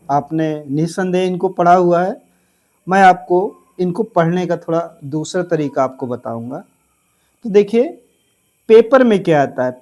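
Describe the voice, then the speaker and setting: A man teaching an online grammar lesson for exam preparation. He addresses viewers as friends and drills syllables slowly. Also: sits high, darkish tone.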